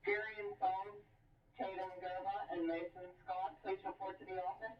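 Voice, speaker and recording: School intercom voice, flat and even, dull lo-fi speaker, far away in the classroom. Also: mid-range voice, moderate pace. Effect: over a school intercom. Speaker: school office announcer.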